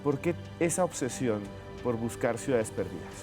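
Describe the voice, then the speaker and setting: A man's voice: mid-range voice, animated, normal speed, music in the background. A man presenting as host in a dramatic documentary style, with theatrical questions. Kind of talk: dramatic scripted show introduction, documentary-like presenting.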